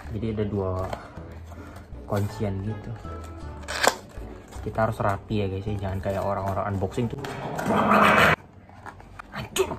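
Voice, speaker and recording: A young man casually chatting to viewers while unboxing a phone holder in a small room beside a motorbike. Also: lowish voice. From Indonesia. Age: young adult. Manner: chatty, addresses viewers as guys. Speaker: motovlogger reviewing a phone holder. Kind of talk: casual Jakarta-slang unboxing chat.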